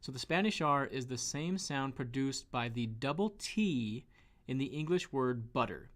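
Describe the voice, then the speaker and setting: A man's voice: medium pitch, lively intonation, measured pace, fairly bright tone. A man with a Western American accent, teaching a pronunciation lesson with many fillers and restarts. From western United States. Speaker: Spanish teacher.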